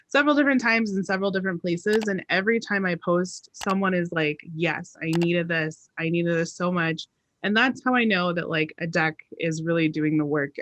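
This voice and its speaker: A woman's voice: fairly low pitch, fairly bright tone, no room sound. Bubbly woman hosting a video call. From South Dakota. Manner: bubbly and gushing, quick bursts. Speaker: host. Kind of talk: casual video-call interview. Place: home.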